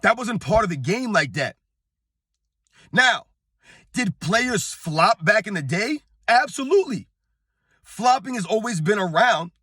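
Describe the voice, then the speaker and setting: Here a middle-aged sports channel host on a beach vacation rants to his audience, keeping to a casual talking-head style. His hoarse, worn voice sits high and sounds tense and bright, swinging widely in pitch; he talks a little slowly with long pauses, emphatic and repetitive, and keeps saying "guys." It's captured close and dry, with no room sound.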